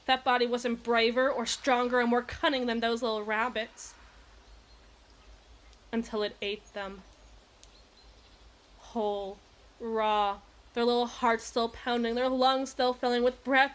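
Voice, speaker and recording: In a dramatic ASMR roleplay monologue, a woman voices an obsessive, eloquent evil queen, her phrasing deliberate and theatrical with careful pauses. Her voice sits on the high side with a fairly bright tone, and the mood is dark and brooding.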